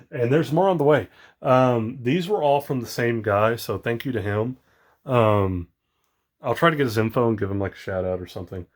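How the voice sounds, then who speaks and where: A man vlogging casually about his toy collection, rambling with many ums, excited but tired and yawning late at night. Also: mid-range voice, normal speed. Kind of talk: casual unboxing vlog.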